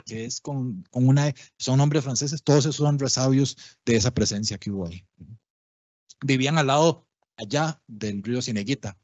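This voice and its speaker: A man's voice: mid-range voice, a little mellow, dry recording. A man giving a public talk, explaining things patiently and often checking in with his audience. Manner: explanatory, keeps checking in with listeners. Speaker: lecturer. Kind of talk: public talk on language history. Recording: dull lo-fi livestream audio, dry.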